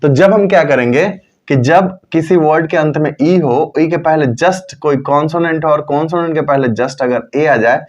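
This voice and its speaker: A man teaching English pronunciation rules in a lesson, repeating key words slowly and asking and answering his own questions. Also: fairly high pitch, highs cut off. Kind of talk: Hindi lesson explaining English spelling rules.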